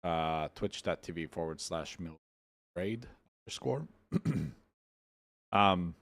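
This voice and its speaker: A man's voice: deep voice, slow, a bit bright. A man hosting a livestream, chatting laid-back with viewers while he edits podcast clips. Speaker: streamer and podcast host. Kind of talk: casual livestream chat.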